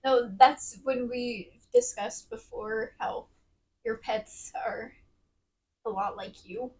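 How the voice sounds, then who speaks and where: A young woman co-hosting a podcast in casual chat, easygoing, laughing along and trailing off softly. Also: on the high side, very animated, slow pace, gravelly, low-quality recording. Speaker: podcast co-host.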